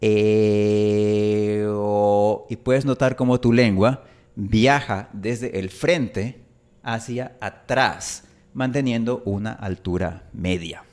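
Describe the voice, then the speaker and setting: A man's voice: mid-range voice, takes it slowly. A man teaching Spanish pronunciation, a native speaker who enunciates carefully and draws out his example vowels. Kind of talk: pronunciation lesson.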